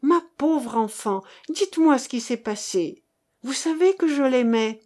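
A woman reading the lines of an earnest, scheming man who courts a grieving young woman, in a soft, pleading, urgent voice. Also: on the high side, expressive, unhurried. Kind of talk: audiobook reading.

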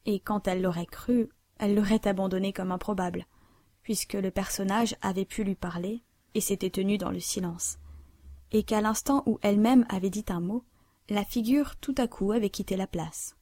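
A woman reads a classic novel aloud at a measured, steady pace. Her voice is mellow and warm. The sound is dry and close to the mic. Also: mid-range voice, dry recording. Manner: measured, even literary reading. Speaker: audiobook narrator. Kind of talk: scripted narration of a classic novel.

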